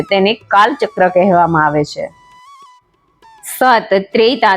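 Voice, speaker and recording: A woman narrating a devotional scripture in a measured, steady recitation. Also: medium pitch.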